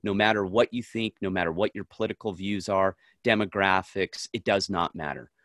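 On a podcast he co-hosts, a man with a low, brisk, slightly bright voice speaks earnestly and emphatically in short, firm statements during casual conversation. The audio is studio quality with no echo.

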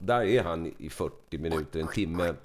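A man's voice: sits low, crowd noise. A man telling a funny travel story in casual chat, acting out the quotes with big swings in his voice. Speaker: podcast host.

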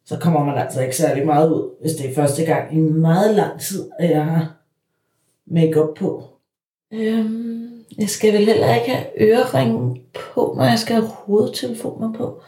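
A woman's voice: on the low side, fairly even intonation, warm tone, breathy edge. A woman in her forties hosting her own podcast, talking candidly and reflecting on herself. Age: 40s. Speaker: podcast host. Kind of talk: personal podcast narration.

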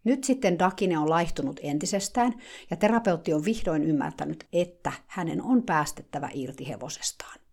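A woman's voice: low voice, expressive, creaky, darkish tone. A woman telling a dramatic first-person diary story in a confiding, casual way.

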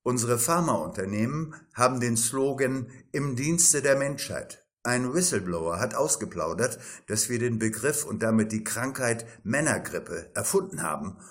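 A man reading the lines of a brisk female assistant, delivering an urgent matter-of-fact report. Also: mid-range voice, lively intonation, lightly acted.

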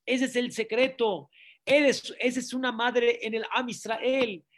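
A rabbi preaching, telling stories and quizzing the audience with questions. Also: male voice, very high-pitched, fairly even intonation, unhurried, a bit bright. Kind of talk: sermon.

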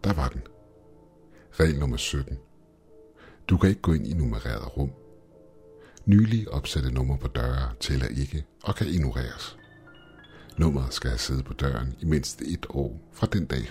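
A man reading a first-person horror story in an even, measured storytelling voice. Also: extremely low pitch, faint music behind. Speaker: narrator. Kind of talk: scripted horror narration.

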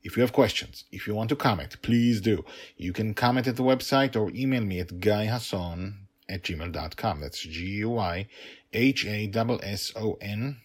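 This story podcast is narrated by its middle-aged male author and host, who speaks deliberately, pausing for drama and repeating words for emphasis. His voice is lowish with a breathy edge.

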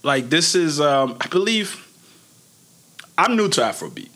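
A man's voice: a little high, very animated, a little slow, fairly bright tone. Casual, slangy male podcast host. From Niger. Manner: informal, slangy, rambling asides. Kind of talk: casual chat.

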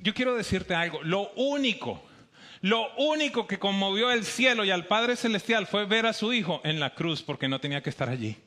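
A man with a Bogotá Colombian accent giving an animated sermon, acting out quoted voices with emphatic rises. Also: high voice, normal speed. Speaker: preacher.

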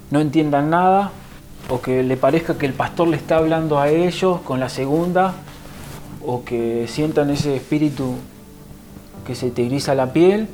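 A man's voice: a little high, a little mellow, low-quality recording. A man with a Rioplatense Spanish accent gives an emotional personal conversion testimony as a guest. He tells the story vividly and acts out what others said to him.

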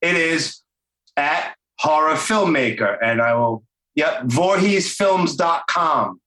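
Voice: mid-range voice, lively intonation, slow pace, pushed and bright. Brooklyn-accented podcast host in an echoey room. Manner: informal, repeats words and phrases. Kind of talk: casual, off-the-cuff interview chat. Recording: roomy, echoing sound.

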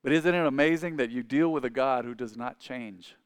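A man's voice: mid-range voice, brisk, clear, resonant tone. A man in his forties preaching a sermon as pastor, calling on the congregation to repeat phrases after him. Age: 40s. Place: church sanctuary. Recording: long reverb of a large hall.

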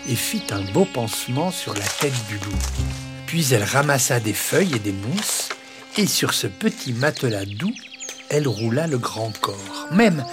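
Animated storybook narrator, mid-pitched and very lively in tone, music under the voice. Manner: lively, expressive reading with playful asides. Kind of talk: children's story read aloud. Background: background music.

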